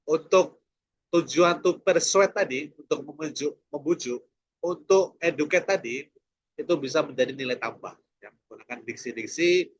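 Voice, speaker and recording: A man's voice: mid-range voice, highs cut off. A man teaching a preacher training class online, asking rhetorical questions and tagging his sentences with "ya". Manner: rhetorical questions, frequent "ya" tags.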